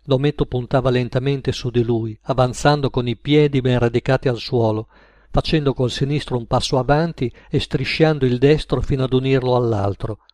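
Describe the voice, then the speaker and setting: A man's voice: mid-range voice, no echo, studio quality. Man reading a story aloud. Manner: steady, measured storytelling. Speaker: narrator. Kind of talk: audiobook narration.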